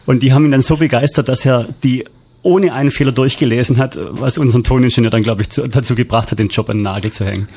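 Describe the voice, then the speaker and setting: A man's voice: mid-range voice, fairly even intonation, fast, dark tone, slightly rough. Rambling male producer telling anecdotes. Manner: anecdotal, hesitant with many fillers. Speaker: audiobook producer, guest. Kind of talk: casual interview talk.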